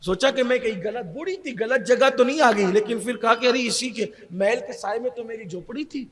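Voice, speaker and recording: A man preaching an impassioned sermon, moving between hushed storytelling and shouted exhortation. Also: very high voice, crowd noise. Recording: long hall reverb.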